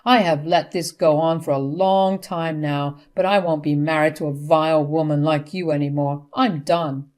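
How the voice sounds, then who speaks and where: A woman's voice: low-pitched, fairly even intonation, moderate pace, hardly any pauses, a little mellow, natural voice. Woman voicing a stern middle-aged husband, firm and scolding.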